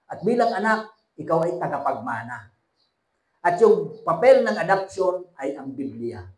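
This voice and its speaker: A man preaching a sermon as pastor, calling out to the congregation and swinging between hushed and emphatic delivery. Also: on the high side, roomy sound, rough recording. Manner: preaching with call-and-response to the congregation.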